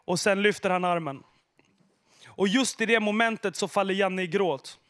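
Guy with a high voice reading a story out loud, steady, few slips. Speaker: reader. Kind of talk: reading a satirical story aloud.

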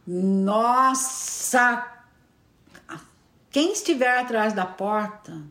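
A woman voicing a stern, vengeful old witch who lays a curse slowly and deliberately, in an echoey room. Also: fairly high pitch, fairly bright tone, heavily acted. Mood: cursing. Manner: slow, deliberate, cursing.

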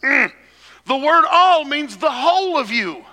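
A man preaching a sermon at a pulpit microphone, swinging between soft teaching and loud shouting. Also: extremely high pitch, big pitch swings, measured pace. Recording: long hall reverb.

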